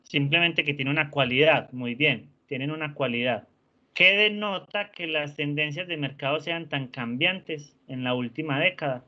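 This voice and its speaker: A man teaching an online class, patient and encouraging, often softening words with diminutives. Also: a little high, normal speed. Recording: dull lo-fi sound.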